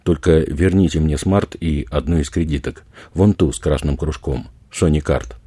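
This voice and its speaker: A man voicing a calm, polite foreign male tourist who answers quietly and evenly. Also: extremely low pitch, moderate pace, breathy edge, no room sound.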